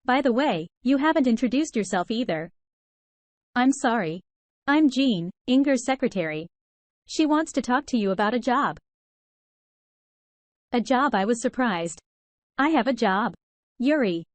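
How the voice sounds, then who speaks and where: Woman narrator reading a story, higher-ish voice, dry close sound, steady and even. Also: moderate pace, no echo. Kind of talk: first-person scripted story narration.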